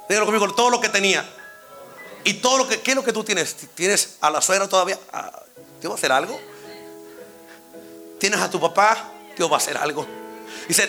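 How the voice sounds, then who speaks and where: A man preaching a Pentecostal-style sermon, shouting out some lines and dropping others low, often breaking in with "aleluya". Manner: impassioned, swings between shouting and low hushed lines.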